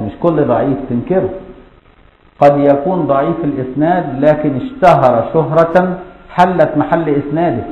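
A middle-aged man with an Egyptian accent teaching an Islamic law lesson in colloquial Arabic. He keeps checking whether listeners understood, and he recites quoted texts slowly. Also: medium pitch. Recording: roomy, dull lo-fi lecture recording.

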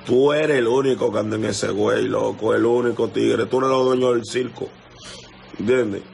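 Young Dominican man, livestream call-out, low gravelly voice, repetitive and confrontational, faint background hiss. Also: little pitch movement, normal speed, a little mellow. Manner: confrontational, repetitive, keeps asking "you understand?". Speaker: musician addressing a rival. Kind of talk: heated livestream rant. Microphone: phone livestream.

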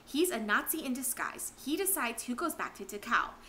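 A woman reading aloud gives voice to a frightened teenage boy who hisses urgent commands in a bright, raised voice. He sounds desperate and fierce, set in a storybook telling. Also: fairly high pitch, expressive, normal speed, voice pushed up.

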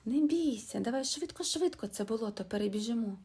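An excited little boy dinosaur from a storybook, eager and bold, as a woman puts him on. The voice is higher than her own and a little husky. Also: fairly quick, full character voice. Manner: excited, bouncy.

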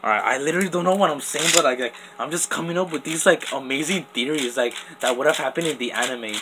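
Quick and on the high side, a young man, perhaps a teenager, chatters off camera against a noisy background while running toy top battles. As host of the channel, he rambles, filling his talk with "like" and "literally" and restarting often.

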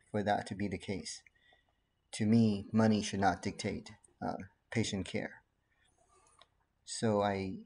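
A man in his forties, from Taiwan, speaks to his laptop webcam from a living room at home. His voice sits a little low, and he talks in a calm, earnest, measured way, with frequent fillers. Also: husky. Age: 40s. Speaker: pediatrician. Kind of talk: casual talk to camera.

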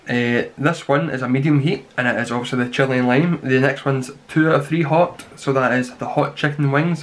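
A man in his twenties giving a rambling, casual review to camera, grumbling in a deadpan way. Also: medium pitch. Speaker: snack reviewer. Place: small plain room indoors. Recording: clearly noisy home recording with clicks.

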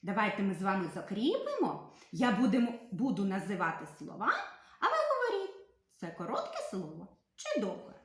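A woman teacher giving a literacy lesson to young children, spelling out sounds slowly and asking questions she then answers herself. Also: medium pitch, wildly swooping pitch, heavy reverb. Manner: slow, sing-song, carefully spelled-out sounds.

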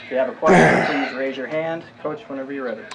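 A man moderating a press conference, briskly calling on reporters by name. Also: mid-range voice, vocal fry, crowd noise. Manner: brisk, businesslike.

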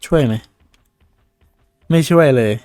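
A man giving casual, excitable gameplay commentary, swearing casually and exclaiming often. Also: slow pace, no echo, faint music behind. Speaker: gaming video creator. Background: faint game soundtrack.

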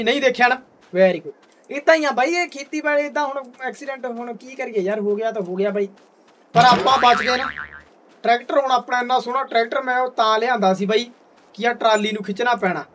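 A young man chats through a video game in a strikingly high-pitched voice. He keeps up hearty, exclamatory banter, talking to viewers like buddies. The mic sounds distant, with faint engine noise behind him. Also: a bit bright. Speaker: gaming video host. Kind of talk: casual gameplay commentary.

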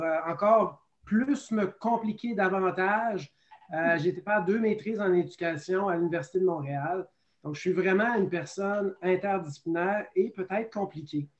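A man in his thirties with a Quebec French accent, a teacher telling his path in a webinar, lively and self-mocking. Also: high voice. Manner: lively, self-deprecating, many fillers. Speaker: teacher guest. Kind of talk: webinar testimony. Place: home office. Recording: dull lo-fi sound.

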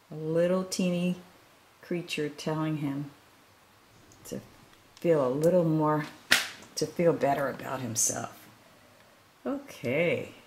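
A woman reading a children's picture book aloud, pausing to sympathize and ask the listeners questions. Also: deep voice, slight background noise. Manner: gentle, asks listeners questions; sympathetic, comments between pages. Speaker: storytime reader.

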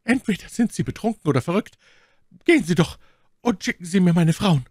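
A man voicing a scheming noblewoman, sharp and indignant, in an audiobook reading. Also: mid-range voice, lively intonation, moderate pace, no room sound, studio quality, lightly acted. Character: scheming noblewoman, cornered and furious.

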